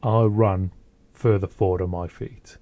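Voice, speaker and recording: A young man, co-hosting a podcast in an easy, casual chat. His voice is low and mellow, and he tells rambling stories full of small restarts. The tone stays warm and unhurried. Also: steady tone. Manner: rambling, anecdotal storytelling with restarts. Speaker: podcast co-host.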